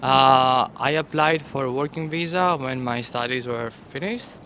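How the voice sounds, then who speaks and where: A man from Greece, a student, telling his story in an animated, casual interview. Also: mid-range voice, measured pace, a little hiss or hum.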